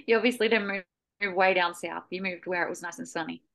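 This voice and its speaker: A woman co-hosting a casual podcast, laid-back and relaxed, with fillers and the odd swear word. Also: on the low side, quick pace, gravelly. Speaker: podcast co-host.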